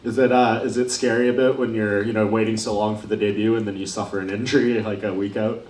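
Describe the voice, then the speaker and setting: A male reporter with a low voice puts questions at a press interview. He talks fast. He sounds set back from the microphone in a room with echo. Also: little pitch movement, darkish tone. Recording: echoey, distant mic, background noise.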